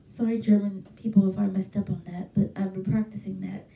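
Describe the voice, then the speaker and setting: Speaking briskly with vocal fry, this young woman chats enthusiastically to camera in her small home bedroom, dropping fillers often. Her mid-range voice barely moves in pitch and comes across narrow and tinny. Captured by a handheld mic held close plus a webcam, the audio still has a roomy echo and sounds far off.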